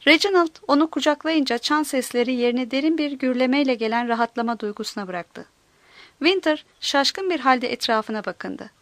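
A woman reads a novel aloud with a high, clear voice and a steady, measured pace. The recording is dry and close, with no room sound. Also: dry recording. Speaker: narrator. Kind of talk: audiobook narration.

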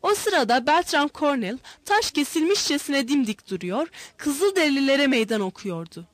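High-voiced woman reading a story aloud. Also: no echo. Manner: measured, expressive reading. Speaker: narrator. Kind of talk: audiobook storytelling.

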